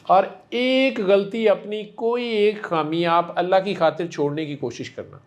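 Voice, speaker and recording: A man counseling a patient in a gentle, coaxing and affectionate way, repeating himself warmly. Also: high-pitched. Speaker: spiritual healer counseling a patient. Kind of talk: one-on-one counseling session.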